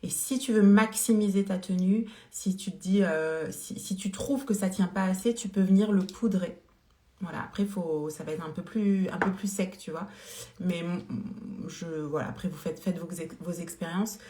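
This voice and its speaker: A woman's voice: lowish voice, moderate pace, warm tone. Chatty woman live-selling in a roomy space. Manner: chatty, greets viewers by name, hesitant fillers. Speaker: beauty live-stream seller. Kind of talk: casual live-stream demo. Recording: roomy echo.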